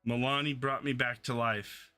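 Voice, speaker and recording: A man playing his character in a tabletop game, deliberate and searching for his words. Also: medium pitch, steady tone, pushed and bright, clean tone, faint music behind. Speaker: player. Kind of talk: in-character tabletop role-play.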